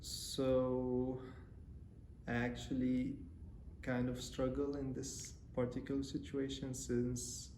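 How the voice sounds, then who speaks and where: A young man from Syria, a student, answering interview questions in a relaxed, hesitant way with many pauses and fillers. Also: mid-range voice, a little hiss or hum. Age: young adult. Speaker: interview guest, university student. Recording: roomy echo, faint ambience.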